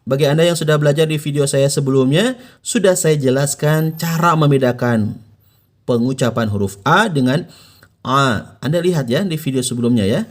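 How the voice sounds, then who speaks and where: An Indonesian man teaching Quran recitation, explaining patiently and slowing down to model each phrase for the listener to repeat. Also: on the high side. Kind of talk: instructional explanation with slow demonstrations.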